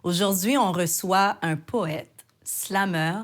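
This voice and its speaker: A woman's voice: fairly low pitch, slow. A woman hosting an interview, asking short, friendly questions. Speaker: interview host.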